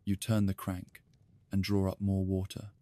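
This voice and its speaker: A man narrating a bedtime history story in a calm, soft-spoken, even manner, addressing the listener as "you". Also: deep voice, moderate pace, no room sound.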